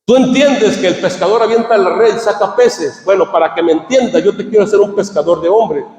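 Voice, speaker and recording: A man preaching a fervent sermon as pastor, swinging between shouted climaxes and quiet asides. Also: high-pitched, brisk. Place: church hall. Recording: echoey church hall.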